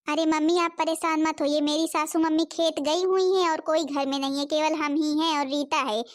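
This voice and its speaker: A woman's voice: high-pitched, steady tone, moderate pace, lightly acted. A woman voicing a stingy, bossy young stepmother who scolds and complains in a cartoon. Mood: scolding. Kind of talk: cartoon voice acting.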